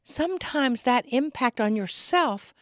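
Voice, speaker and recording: Woman, middle-aged, inspirational spiritual talk, unhurried, lively pitch, laughs between stories. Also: no room sound, clean studio sound.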